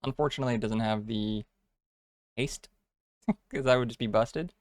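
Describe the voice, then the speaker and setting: A man's voice: medium pitch, moderate pace, no echo. Casual, slangy man chatting on a dry mic. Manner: laid-back slang, says dude often. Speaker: co-host of a card game stream. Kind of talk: casual chat, off-the-cuff commentary.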